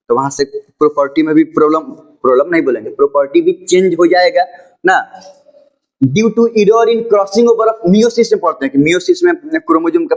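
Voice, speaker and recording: A man teaching a school biology lesson in a casual lecture style, asking rhetorical questions and repeating points, with English textbook lines read slowly. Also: fairly high pitch, poor audio. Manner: explains with rhetorical questions and repetitions. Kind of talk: informal classroom lecture.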